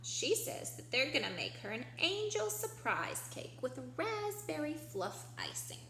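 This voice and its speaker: A woman with a high voice, huge pitch swings, and a sharp tone reads a picture book at a measured pace to young children. As an early-years teacher, she explains simply and asks prompting questions. Faint hum and echo fill the room.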